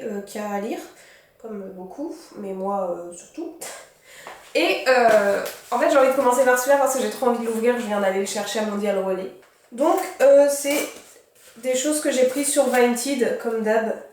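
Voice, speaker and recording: A chatty young woman in her twenties walks through her recent book purchases in a loose, rambling way, pausing often on fillers. Her voice sits slightly high. The room around her is very echoey. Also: a little mellow, a little hiss or hum. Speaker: book vlogger. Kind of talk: casual book haul chat.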